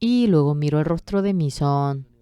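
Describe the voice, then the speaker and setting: A woman interprets a sermon, telling a story in an earnest, unhurried way with emotional swells. Her voice is low-pitched and smooth. The sound is dry and close. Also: lively intonation, mellow, no room sound.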